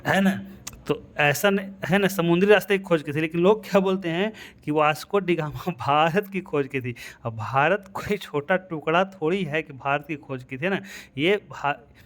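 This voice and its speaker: A man's voice: a little high, a bit bright. A man teaching an exam-prep history lesson. He keeps asking "है ना" and chuckles at his own memory tricks. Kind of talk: lecture.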